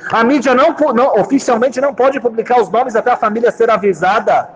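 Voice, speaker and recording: Guy giving a torah class, high lively voice, chants hebrew lines slow then explains, dull muffled recording. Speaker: rabbi teaching Torah.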